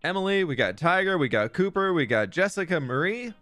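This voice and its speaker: A man's voice: high-pitched, sing-song, fairly quick, a bit bright, no room sound. A young man live-streaming from a room at home, chatting casually and greeting viewers by name. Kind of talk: casual live-stream chat while gaming.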